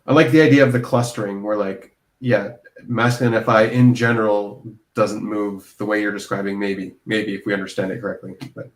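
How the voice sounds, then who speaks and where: A man's voice: lowish voice, steady tone, a little fast, hardly any pauses. Musing man in a roomy echo. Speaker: hangout participant. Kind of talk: casual group chat.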